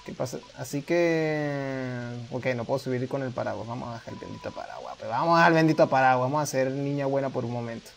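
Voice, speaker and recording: A man's voice: medium pitch, brisk, creaky, a little hiss or hum. A man playing a video game at home, chatting to the characters and yelping and swearing when things get tense. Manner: excitable, yelps and swears when under pressure; chats to the game characters and reads their lines aloud. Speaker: gaming channel host. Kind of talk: casual let's play commentary.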